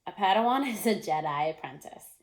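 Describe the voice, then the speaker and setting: A woman's voice: lowish voice, expressive, a little fast, roomy sound. Brief: woman doing a cocky boy of ten, eager and showy. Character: boastful fifth-grade boy.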